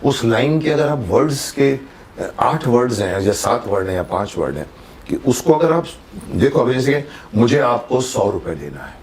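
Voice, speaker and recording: A man's voice: mid-range voice, animated, normal speed, a little mellow, a little hiss or hum. An older man hosting an interview, mixing Hindi and English and acting out dialogue lines with shifting emphasis. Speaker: talk show host. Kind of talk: conversational interview with a film guest.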